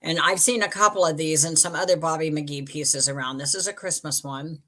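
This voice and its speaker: A woman's voice: deep voice, fairly quick, pushed and bright. A woman hosting a live online sale, chatting casually and rambling, correcting herself as she goes. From western United States. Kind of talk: casual live-stream selling chat.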